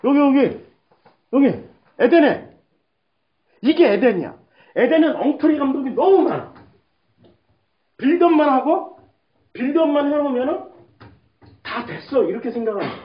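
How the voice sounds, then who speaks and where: A woman's voice: sits high, sing-song, moderate pace, pauses often. A woman pastor preaching a sermon in a blunt, colloquial way, asking the congregation rhetorical questions. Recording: dull lo-fi recording.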